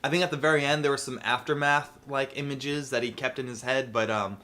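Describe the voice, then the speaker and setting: A man's voice: mid-range voice, fairly even intonation, fairly quick, pushed and bright. A young man co-hosting a podcast, rambling in a casual chat full of restarts and laughs. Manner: rambling, many fillers and restarts; laughs often. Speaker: podcast co-host.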